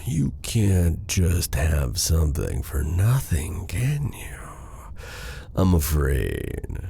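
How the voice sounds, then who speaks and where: Seductive evil sorcerer, extremely low gravelly voice, very slow drawn-out silky delivery, teasing, menacing, fantasy ASMR roleplay. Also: male voice, dark tone, full character voice. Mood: sly, coaxing. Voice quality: breathy, gravelly. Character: sly, menacing, seductive dark sorcerer man. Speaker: voice actor.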